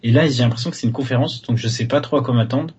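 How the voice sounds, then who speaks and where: A man co-hosting a gaming podcast, relaxed and thinking aloud as he chats. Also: medium pitch, quick pace, highs cut off, a little hiss or hum. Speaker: podcast co-host. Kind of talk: casual gaming chat.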